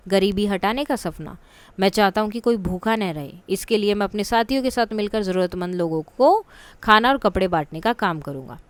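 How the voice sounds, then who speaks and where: A woman's voice: mid-range voice, smooth, no echo. A woman teacher going through a textbook chapter step by step, explaining patiently and checking in with her listeners.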